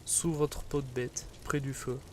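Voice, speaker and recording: A man reading a scripted second-person fantasy tale as narrator, in a measured, solemn storytelling manner. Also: medium pitch, little pitch movement, noisy background.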